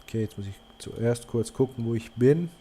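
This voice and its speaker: A man's voice: medium pitch, moderate pace, dark tone, slight background noise. A man from Switzerland with a Swiss German accent, commenting on his own gameplay, swearing and muttering to himself. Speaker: gaming video creator.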